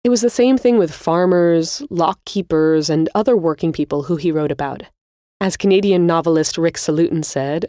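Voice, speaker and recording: Like reading a spoken essay, a woman hosting a podcast explains things in a measured, scripted way. Her voice is softly mellow and slightly low, captured up close, dry and without echo.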